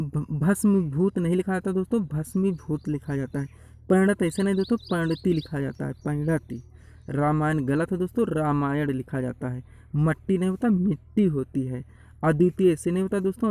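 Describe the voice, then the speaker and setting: A man's voice: a little high, dark tone, a little hiss or hum, poor audio. A man teaching Hindi spelling for exam prep. He goes through word after word and calls his viewers "friends" again and again. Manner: repeats corrections, addresses viewers as friends. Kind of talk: online exam-prep lecture.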